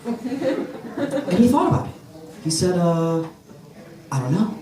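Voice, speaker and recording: An American man performs a stand-up set at an open mic, his high voice swinging widely in pitch as he takes things slowly. He tells laid-back stories and plays to the crowd, and the very noisy recording captures roomy, distant club sound full of audience laughter.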